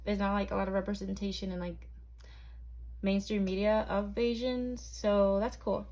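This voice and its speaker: A woman's voice: mid-range voice, flat delivery, normal speed, a little mellow. A young woman from Barbados, reading tarot cards to camera in a chatty, hesitant way full of ums and likes. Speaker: tarot reader.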